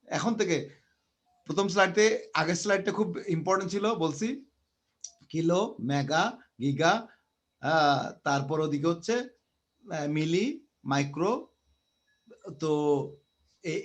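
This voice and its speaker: A man from Bangladesh teaching a live online physics class, repeating key terms and asking and answering his own questions, mixing in English words. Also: a little high. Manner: mixes English words into speech. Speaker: physics tutor.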